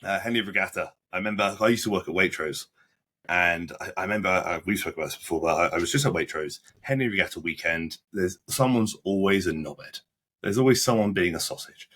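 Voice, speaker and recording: A low, husky-voiced young man tells his story to a podcast host. His tone is bright and pointed, and his speech is halting and full of restarts. He is blunt and uses casual slang. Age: 20s. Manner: halting, frequent restarts and repeated words; blunt, plain-spoken with British slang. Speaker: podcast guest.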